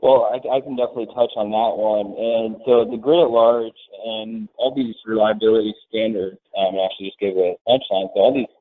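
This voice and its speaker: A man on a webinar panel, explaining grid security in a plain, steady way. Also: fairly low pitch, a little fast, few pauses, no room sound. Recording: tinny phone-like line, dry.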